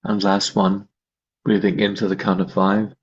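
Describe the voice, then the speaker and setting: A man whose voice sits low and sounds slightly rough guides listeners through a meditation as host. His instructions come slowly and calmly in measured short phrases with long pauses, recorded over a video call with dull lo-fi audio.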